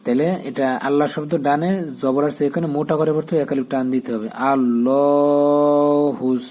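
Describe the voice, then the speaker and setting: A man teaching Quran reading who spells out each letter and vowel mark, then chants each verse slowly and drawn-out, often pausing to check that the learner follows. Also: fairly high pitch, steady tone, dark tone, slight background noise, rough recording. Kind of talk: step-by-step Quran recitation lesson.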